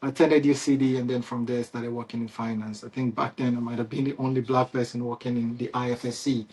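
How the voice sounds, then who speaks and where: He speaks fast in a level, mid-range tone, his voice a little mellow with a breathy edge. The Nigerian-accented founder and CEO is hosting a Q&A for customers, unscripted and casual, often chuckling and full of restarts and filler words.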